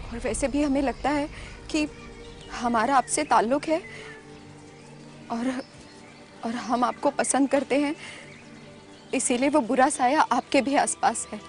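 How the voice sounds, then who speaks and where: A young actress playing a frightened tutor haunted by a spirit in a horror drama, speaking earnestly and formally. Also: female voice, high voice.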